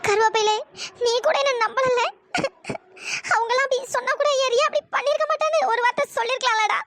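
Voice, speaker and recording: Performer doing a crying young cartoon wife, sobbing and pleading, very high, bright and thin. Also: steady tone, a little fast, faint music behind, full character voice. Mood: tearful pleading. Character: young wife, heartbroken, wrongly blamed. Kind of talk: cartoon story voice acting.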